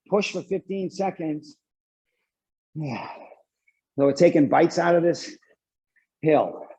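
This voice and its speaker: Muffled audio of a guy teaching spin class, cycling hard n out of breath, slow spaced out cues, motivational. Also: high voice, darkish tone. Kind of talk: motivational indoor cycling coaching. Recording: dull, muffled lo-fi class recording.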